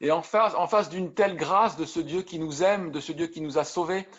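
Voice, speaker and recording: A pastor preaches by video with a fairly high voice, earnest and searching. He often restarts his phrases as he reads testimony aloud. The sound is dull and muffled. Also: normal speed. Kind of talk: video sermon.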